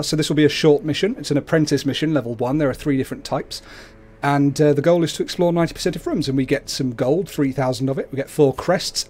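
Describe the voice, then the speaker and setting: A man's voice: a little high, darkish tone. A man hosting a livestream, casually explaining the video game he plays. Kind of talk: casual explanatory gameplay commentary. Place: indoors at a computer, webcam.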